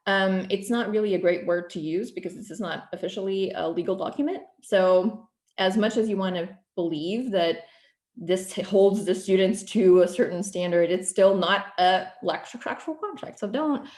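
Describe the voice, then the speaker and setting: A woman's voice: medium pitch, normal speed, darkish tone, roomy sound. A woman from Portugal, a non-native English speaker, giving a guest presentation over a video call, fluent but with frequent ums and restarts. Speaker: guest speaker, program coordinator.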